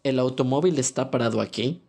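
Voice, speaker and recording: Man, language course narrator, calm measured delivery, scripted audiobook reading. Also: mid-range voice, creaky.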